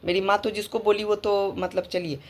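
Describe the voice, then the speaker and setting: A woman's voice: medium pitch, level tone, moderate pace. A woman vlogger from Bihar in her thirties, talking emotionally to her viewers, indignant and lamenting, with many fillers and restarts. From Bihar, India. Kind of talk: emotional monologue to camera.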